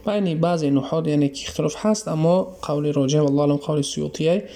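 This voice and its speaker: A man with a Tajik accent gives a classroom grammar lesson in a somewhat high but dark, mellow voice. He keeps stopping to ask whether his listeners follow, and he hesitates often with drawn-out filler sounds. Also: creaky. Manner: keeps checking understanding with quick questions. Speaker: teacher of Arabic grammar.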